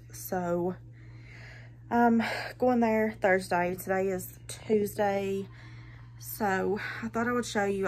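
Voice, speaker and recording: A woman's voice: medium pitch, darkish tone, slight background noise. Chatty young woman vlogging at home. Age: 20s. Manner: chatty, rambling, lots of "like" and "so". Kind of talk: casual home vlog. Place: small bedroom indoors. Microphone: phone camera held in hand.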